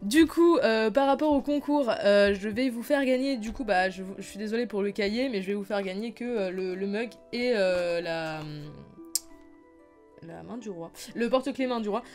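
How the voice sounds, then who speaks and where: A young woman in her late teens talks through an unboxing vlog in a loose, chatty way. She rambles, restarts her sentences and fills gaps with little hesitations, her voice sitting at a middling pitch. Faint music plays underneath. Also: darkish tone. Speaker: YouTuber.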